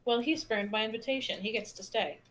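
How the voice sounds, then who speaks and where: A woman with a slightly high voice takes part in a tabletop roleplaying game as a player. She talks in casual, informal banter with the rest of the table. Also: a little fast, crowd noise.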